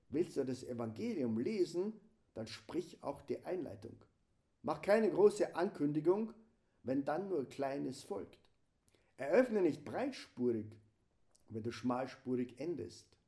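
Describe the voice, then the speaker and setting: A man delivering a slow, solemn spiritual meditation, often sinking into a hushed whisper. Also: mid-range voice. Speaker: preacher.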